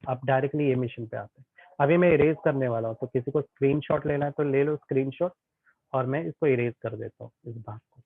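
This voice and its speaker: A man's voice: medium pitch, a little fast, vocal fry, dry recording. A male tutor teaching an online physics class, chatty and often checking that students follow. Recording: tinny phone-like online class audio.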